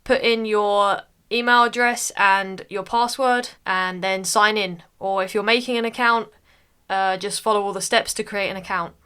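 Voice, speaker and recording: A young woman from the United Kingdom narrates a casual screen-recording tutorial, walking through an online form with frequent "uh" fillers. Her medium-pitched voice is pushed, bright, and clean, with fairly even intonation and a moderate pace.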